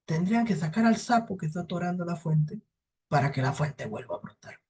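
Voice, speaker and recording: Man doing a storybook devil, grumpy, menacing, husky, high strained voice, snapping threats. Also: expressive, brisk, darkish tone. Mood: scornful.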